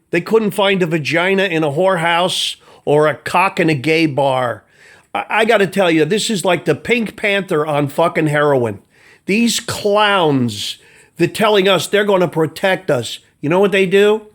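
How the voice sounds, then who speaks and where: Profane, mocking American man ranting. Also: a little high. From United States. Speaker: commentator. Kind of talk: angry ranting commentary.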